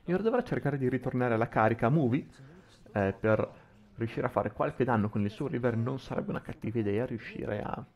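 Male esports commentator, halting phrasing. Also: medium pitch, expressive, darkish tone. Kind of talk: live video game match commentary.

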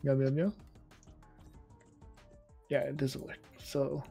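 A woman's voice: a bass voice, little pitch movement, slow, creaky, dark tone, slightly rough, faint music behind. A woman from China streaming a game, chatting casually and giggling apologetically. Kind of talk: casual chat while gaming.

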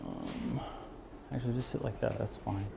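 A man in his thirties, a barber and shop owner, talking casually while he works, relaxed and rambling with many fillers, moving around the room away from the camera mic. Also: mid-range voice, moderate pace, creaky, background noise. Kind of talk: casual talk while working. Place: barbershop with brick walls, indoors.

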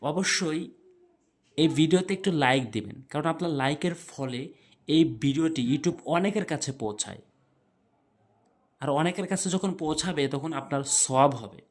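A man with a slightly high voice teaches Quran reading. He spells each letter aloud, then stretches the nasal sounds in a slow, drawn-out recitation. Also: lively intonation.

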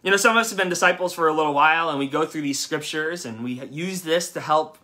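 Bright-voiced animated young preacher man. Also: fairly high pitch, fast. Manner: animated, conversational, quotes people in lively voices. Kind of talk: sermon. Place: church service.

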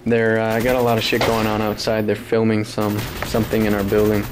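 A man, hoarse from losing his voice, giving casual game commentary from his apartment, rambling and swearing with frequent laughs. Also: lowish voice, completely flat delivery, brisk, noisy background. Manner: rambling, profane, laughs often. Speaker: gaming commentator. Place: apartment at home.

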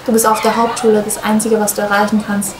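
A woman's voice: medium pitch, monotone, fast talker, a crowd in the background. Earnest young woman in a roomy classroom. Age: 20s. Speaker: student teacher. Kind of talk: interview.

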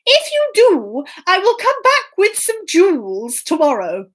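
A woman's voice: very high-pitched, huge pitch swings, unhurried, fairly bright tone, voice pushed up, exaggerated voice. A woman voicing an eager, scheming male cat servant in boots for a children's story, pleading and urgent. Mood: pleading, persuasive. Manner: urgent, pleading, wheedling delivery. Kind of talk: children's storytelling with acted voices.

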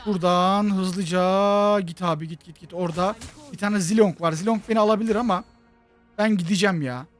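A man with a Turkish accent talks over his mobile game, high-voiced and excitable, breaking into loud shouts at the big moments. Faint music runs behind his voice. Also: fairly quick. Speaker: gaming channel host.

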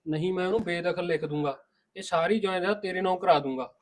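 A man's voice: high voice, fast, natural voice. An actor playing an older, protective father-in-law who reassures his daughter-in-law and scolds his son. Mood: reassuring. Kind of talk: village family drama acting.

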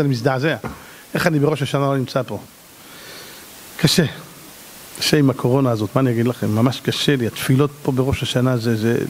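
A rabbi delivers a sermon in a voice pitched high for a man. He swings between loud outbursts and quiet pleading. The sound rings with the long reverb of a large hall. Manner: animated, swings between shouting and hushed pleading.

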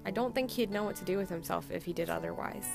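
A woman's voice: on the low side, fast talker, gravelly, music in the background. A young woman reading a scripted, fond narration about her grandfather.

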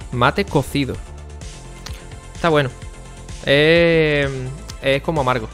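A young man, chatting casually on a stream and talking to his viewers by name, often keeping his voice low for the neighbours. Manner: speaking quietly for the neighbours.

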